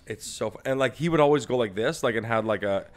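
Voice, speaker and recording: A man chatting casually on a podcast as a comedian guest, his stories loose and profane and packed with filler words. His pitch sits in an ordinary middle range, and he leans into animated character impressions as he tells them. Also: fast. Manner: profane, rambling storytelling with many fillers; slips into animated impressions and laughs mid-story.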